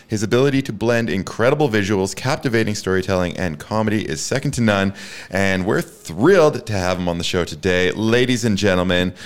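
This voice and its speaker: A man co-hosting a podcast, relaxed and understated, introducing a guest. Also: fairly low pitch, fairly quick, hardly any pauses, clear, resonant tone. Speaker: podcast co-host. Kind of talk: casual podcast chat.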